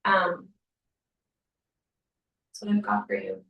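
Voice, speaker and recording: Soft-spoken woman in an echoey room. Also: medium pitch, very animated, takes it slowly, muffled recording. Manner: gentle, often drops to a soft whisper. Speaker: somatic practitioner leading a workshop. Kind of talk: workshop teaching and Q&A. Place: room at a wellness center with a live group. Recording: echoey room, mic far off.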